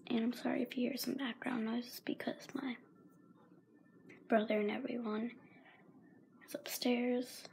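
A teenage girl with a sore throat rambles and apologizes through a casual pet vlog, often half-whispering, in a carpeted room at home while filming on a handheld phone. Her voice is a little high, mellow and creaky, with flat, unhurried delivery and frequent pauses. There's slight background noise.

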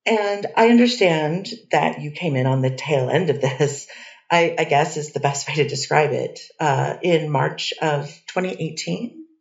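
A female defense attorney questions a witness in a courtroom, hedging and hesitating and restarting often. Her voice sits low and creaky, and she doesn't rush. The courtroom audio is distant and echoey, with the highs cut off.

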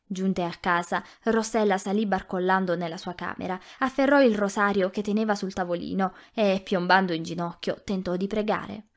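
Woman narrating an audiobook, mid pitch. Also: fairly even intonation, moderate pace, hardly any pauses. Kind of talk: scripted narration.

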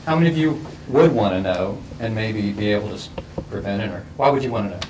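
A middle-aged man moderating a group discussion, asking quick, playful, probing questions in a school library. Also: on the low side, lively intonation, a little mellow. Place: large school library, indoors. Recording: distant mic with faint room noise.

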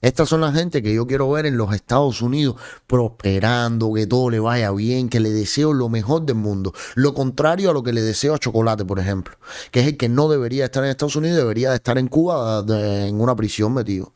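A man's voice: mid-range voice, a little fast, a little mellow. A Cuban man with a Cuban accent, hosting a live stream and commenting emphatically, stressing points by repeating words and greeting viewers.

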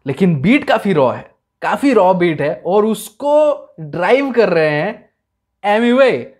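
Excitable young man reacting to music. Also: sits high, slow pace. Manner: excitable, peppers talk with "man" and "bro", switches between English and Hindi. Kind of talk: casual reaction commentary.

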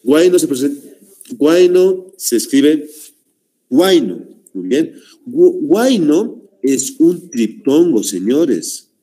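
A man's voice: a little high, big pitch swings, takes it slowly, mellow. A man teaching a language class, stressing and repeating his points while addressing the students as "señores.". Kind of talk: online class lecture.

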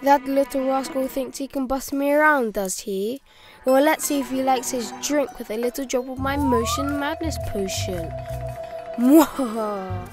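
A woman voicing a scheming villain doctor in a cartoon toy play, with slow, theatrical menace. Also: high voice, music in the background, natural voice. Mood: sly menace.

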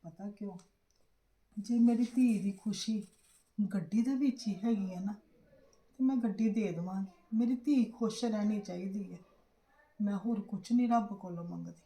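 A woman's voice: mid-range voice, normal speed, long pauses, mellow, reverberant, natural voice. A woman playing an anxious, pleading mother. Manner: pleading and fretful. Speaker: worried mother in a family drama. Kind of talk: amateur family drama acting.

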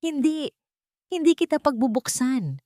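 A woman's voice: high voice, expressive, a little slow, mellow, no echo, studio quality, voice pushed up. A woman voicing a cheerful, lazy little piglet in a storybook tale. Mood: scared.

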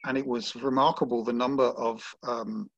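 A man who is a sailing judge, speaking haltingly with many restarts on an online panel call. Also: mid-range voice, fairly even intonation, gravelly, fairly bright tone. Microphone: video call. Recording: dull lo-fi video call audio.

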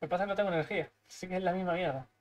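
Muttering to himself while he plays, a young streamer from Spain gives excitable live gameplay commentary in a Spanish accent, swearing along the way. He talks very fast in a high voice.

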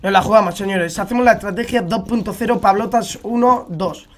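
A man's voice: high voice, a little fast, a bit bright, a little hiss or hum. A man with a Spain Spanish accent giving live gameplay commentary, ranting in exasperation and swearing often. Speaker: gaming streamer.

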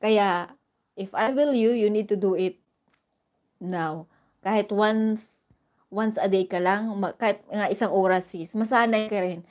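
A woman's voice: mid-range voice, a little slow, pauses often, a little mellow. A woman from the Philippines chatting casually on a live stream, greeting viewers by name and giving sisterly, encouraging advice.

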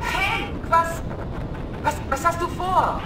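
A woman playing a bold young military space pilot in a video game cutscene, brisk and commanding, over cockpit radio. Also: medium pitch, animated, heavy background noise. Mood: startled. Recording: echoey, distant, music behind.

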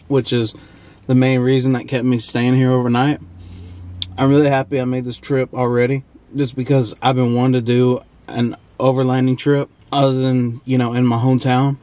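A young vlogger rambles casually about his travels, filmed on a handheld or propped camera in a parked truck cabin and out on trails. His mid-range voice is dark and fairly monotone at normal speed. Vehicle and outdoor noise are clearly audible.

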